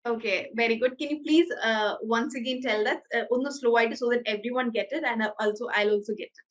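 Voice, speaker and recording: An English teacher with a Malayali accent runs a lesson online, her voice slightly high. She speaks at an unhurried pace with frequent pauses, encouraging her students throughout the video call, and the recording's highs are cut off.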